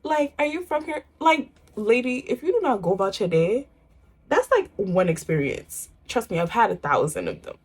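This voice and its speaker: Chatty young New York woman, husky. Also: medium pitch, normal speed. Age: young adult. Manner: chatty, animated storytelling with slang. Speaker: vlogger. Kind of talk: casual chat while getting ready.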